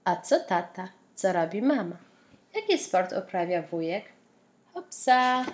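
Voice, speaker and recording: A woman's voice: lowish voice, very animated, a little slow, mellow. Woman reading a children's picture book aloud. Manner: reads characters' lines and puts quiz questions to the child listener. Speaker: storybook reader.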